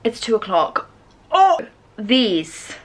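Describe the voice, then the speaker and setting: A woman's voice: mid-range voice, lively intonation, normal speed. A hungover woman in her early twenties chatting casually to camera in a scatty, playful, gushing way with lots of slang. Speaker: vlogger.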